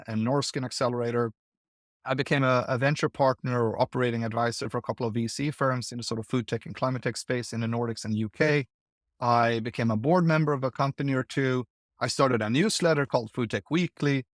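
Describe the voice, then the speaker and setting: Man from Sweden, interview guest, thoughtful, stop-start phrasing, mid pitch, dry sound. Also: no echo. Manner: thoughtful, halting with repeated words. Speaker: guest, investor. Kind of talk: conversational interview.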